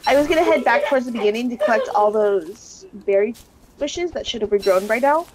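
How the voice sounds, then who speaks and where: A woman's voice: on the high side, animated, a little fast, low-quality recording. A woman playing a co-op game, chatting, joking about herself and laying out plans. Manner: chatty, self-deprecating, plans strategy. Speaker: co-player. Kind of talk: casual gaming chat.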